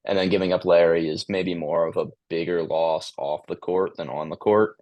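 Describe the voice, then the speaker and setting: Brief: man, low monotone voice, casual podcast co-host, halting delivery with many ums, dry sound. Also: no echo, lo-fi sound. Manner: hesitant, many ums and restarts. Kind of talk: casual sports chat.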